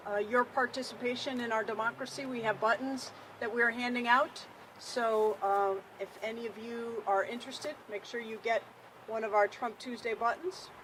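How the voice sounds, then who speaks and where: A woman's voice: a little high, fairly bright tone, slight background noise, rough recording. A woman hosting a rally, thanking the crowd and introducing speakers with many fillers. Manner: appreciative, filler-heavy. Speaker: event host. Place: outdoors at a public rally.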